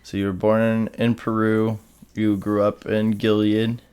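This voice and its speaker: A young man hosting a casual podcast chat, relaxed and rambling, with many fillers. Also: on the low side, measured pace, clean tone. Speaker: podcast host.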